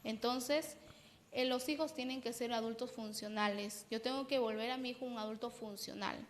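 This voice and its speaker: Peruvian lady psychologist giving a church parenting talk, kinda high voice, long echo on it. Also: fairly even intonation, normal speed, slight background noise. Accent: Peruvian Spanish. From Peru. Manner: explanatory, keeps checking in with "¿no?". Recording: long reverb.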